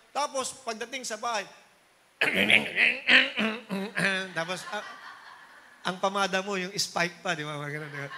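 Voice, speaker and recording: Bright, high-voiced preaching man. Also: slight background noise. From Philippines. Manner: mixes Tagalog and English, keeps asking the congregation "di ba?" and "amen ba?". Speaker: pastor. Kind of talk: Sunday sermon.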